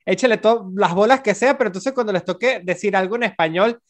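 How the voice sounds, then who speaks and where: High-voiced Venezuelan podcast guest. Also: male voice. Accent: Venezuelan Spanish. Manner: agreeable, chatty, many quick agreements. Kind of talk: casual chat.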